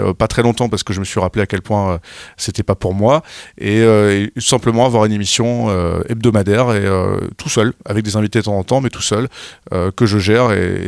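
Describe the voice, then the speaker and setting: A low-voiced hesitant man in his thirties. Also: gravelly, dry recording, studio quality. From France, Maine-et-Loire. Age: 30s. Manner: hesitant, many filler sounds and restarts. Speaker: radio host interviewed as guest. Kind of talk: casual interview answers.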